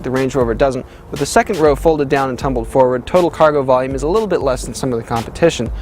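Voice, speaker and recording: Fast-talking wry man reviewing a car. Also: mid-range voice, a little mellow. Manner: wry, joking asides.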